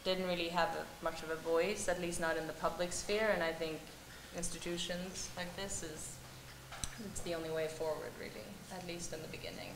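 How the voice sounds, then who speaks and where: Flat, low-voiced young woman panelist. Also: moderate pace. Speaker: panelist artist. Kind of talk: casual panel talk. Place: large gallery room with audience. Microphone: table mic on stand. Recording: echoey gallery room, faint noise.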